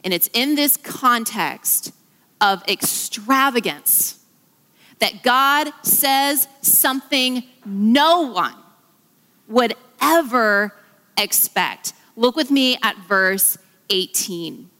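An enthusiastic woman delivers a Bible teaching with animated emphasis, slowing down when she reads scripture. Her voice sits a little high and rings bright and forceful. A long hall reverb trails each phrase.

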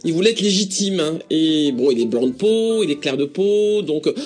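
A woman's voice: deep voice, animated, normal speed, a little mellow, husky, soft background music. A woman with a Parisian accent, a guest talking hesitantly with frequent restarts in a radio interview. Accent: Parisian French. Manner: hesitant, with many restarts and fillers. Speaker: guest, founder of a collective.

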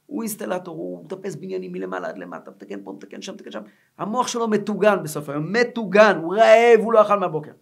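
A middle-aged man, a rabbi giving a Torah lesson, animated and acting out stories as he teaches. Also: high-pitched, vocal fry.

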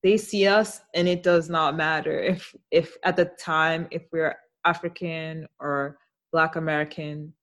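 This young adult woman hosting a podcast has a low, slightly bright voice with fairly even intonation and a somewhat slow pace. In a casual conversational interview, she reflects thoughtfully and laughs often.

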